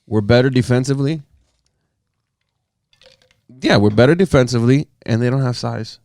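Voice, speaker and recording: A man's voice: mid-range voice, moderate pace, darkish tone, no room sound. A man co-hosting a sports podcast, arguing his points emphatically and repeating himself. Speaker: podcast co-host. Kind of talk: casual sports debate.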